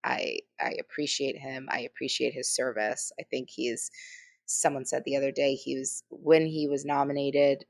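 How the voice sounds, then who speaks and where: Woman, podcast co-host, casual chat, emphatic, restarts and asides, low pitch. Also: fairly even intonation, normal speed, gravelly.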